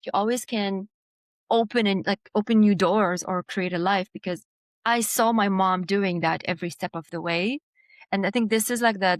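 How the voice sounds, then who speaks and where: A woman's voice: medium pitch, dry recording. A woman from Jordan, a design executive, telling her life story in an interview, reflective and hesitant, with many fillers and restarts.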